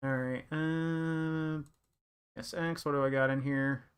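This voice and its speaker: A man's voice: on the high side, steady tone, takes it slowly, clean tone. A young man chatting casually on a live stream, thinking aloud and rambling with lots of fillers.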